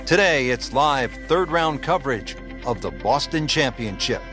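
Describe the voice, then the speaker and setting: A man working as a golf play-by-play commentator, calling shots in short, measured phrases. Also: medium pitch, expressive, sharp tone, soft background music. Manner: addresses his co-commentator by name, short measured calls.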